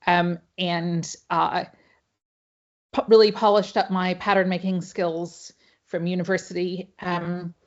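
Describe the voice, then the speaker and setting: A woman with an American accent, a pattern maker and historian, talking chattily with many fillers on an online panel. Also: fairly low pitch. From Hawaii, United States. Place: home, late at night in New Zealand. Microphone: video call. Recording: dull lo-fi video call audio.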